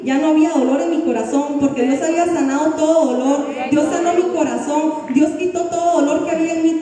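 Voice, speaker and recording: A woman evangelist giving an earnest, heartfelt personal testimony, with halting restarts. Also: sits high, warm tone, very echoey, in a large hall, distant mic, slight background noise.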